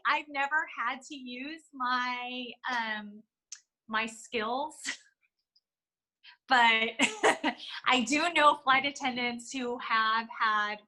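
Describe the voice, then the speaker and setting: Bright-voiced woman, slow and chatty. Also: on the high side, rough recording. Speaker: flight attendant being interviewed. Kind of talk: interview answers.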